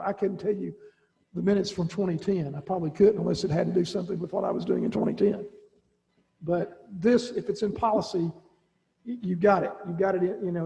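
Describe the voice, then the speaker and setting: Gravelly-voiced man at a board meeting. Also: high-pitched, warm tone. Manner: rambling, folksy, with restarts. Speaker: director of schools. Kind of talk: school board meeting remarks. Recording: dull lo-fi audio in a reverberant room.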